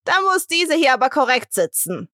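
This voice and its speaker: A woman's voice: high voice, big pitch swings, normal speed, bright, forceful tone, no room sound, studio quality, voice pushed up, exaggerated voice. A woman voicing a resolute, grumpy woman who complains brusquely in an audiobook. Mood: insistent.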